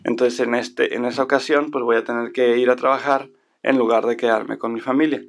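A man's voice: medium pitch, steady tone, fairly quick, gravelly. A man talking casually and reflectively in a conversation, often restarting his sentences. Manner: reflective, many restarts and fillers.

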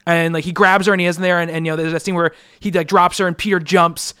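A man hosting a podcast, talking about a film in an excited, emotional, casual way. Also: high voice, fast, smooth, dry recording, studio quality. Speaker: podcast host. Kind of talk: casual chat.

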